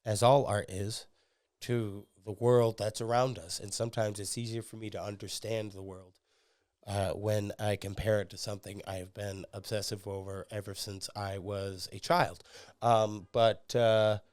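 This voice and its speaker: Excitable man with a smooth voice. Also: on the low side, measured pace, dry recording, clean studio sound. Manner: excitable, swearing, frequent fillers. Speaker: podcast host. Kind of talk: casual fan commentary.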